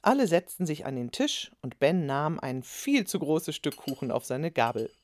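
A woman reading a children's story aloud with expressive storytelling. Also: sits low, moderate pace, no room sound, studio quality. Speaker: narrator.

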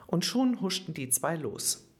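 A woman reading a children's story aloud in a calm, expressive manner. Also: lowish voice, a little slow. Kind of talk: scripted children's story narration.

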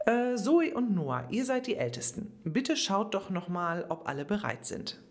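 A cheerful, fussy children's group leader with a high, sing-song voice, as a woman puts her on for a storybook. She sounds bright and flustered, with a lively lilt. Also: normal speed.

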